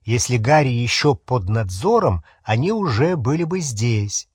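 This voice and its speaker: A man's voice: medium pitch, sing-song, unhurried, breathy edge, no echo, studio quality. A man doing a wry teenage wizard boy. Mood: uneasy. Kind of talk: audiobook character voice.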